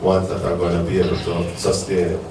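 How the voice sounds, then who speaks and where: A man's voice: low-pitched, monotone, brisk. A man from Jamaica speaking at a business symposium, answering audience questions in an earnest, rambling way with many restarts. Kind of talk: live panel talk answering audience questions. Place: resort event hall. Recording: echoey event hall from far off, faint noise.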